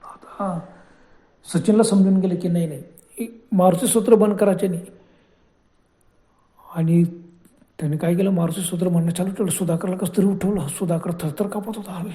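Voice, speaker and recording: A male storyteller narrates a horror tale in a conversational, dramatic manner. His voice is very dark and mellow. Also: high-pitched, steady tone, moderate pace, pauses often.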